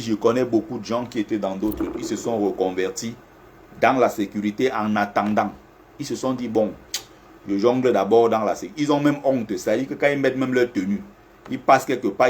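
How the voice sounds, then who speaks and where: A man's voice: mid-range voice, slight background noise. A man, a security agent, talking casually and animatedly to viewers from an office. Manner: animated, repetitive, addresses viewers directly. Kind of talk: casual talk to camera. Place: air-conditioned office.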